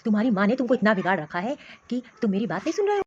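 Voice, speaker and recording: A woman's voice: mid-range voice, sing-song, very fast, a little mellow, highs cut off, a little hiss or hum, close to an everyday voice. A woman voicing a worried, grumbling older father-in-law who runs a shop, in a cartoon story. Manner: grumbling, pleading.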